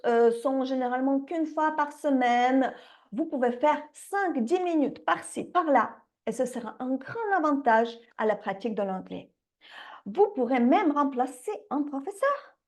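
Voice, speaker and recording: A woman who teaches English to young children, talking straight to parents in a lively online lesson. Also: high voice. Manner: lively, addresses parents directly, laughs now and then. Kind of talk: direct-to-camera online lesson pitch.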